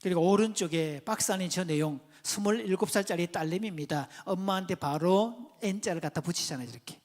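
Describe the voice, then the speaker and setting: In a church hall before an audience, a man lectures at a parenting seminar in a high, brisk voice with a darkish tone. Conversational, he asks the audience questions, tells counseling stories, and points at slides.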